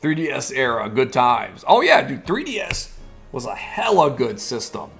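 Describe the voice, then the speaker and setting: A man's voice: mid-range voice, very animated, normal speed, a bit bright, soft background music. A man hosting a gaming video with casual, chatty live commentary.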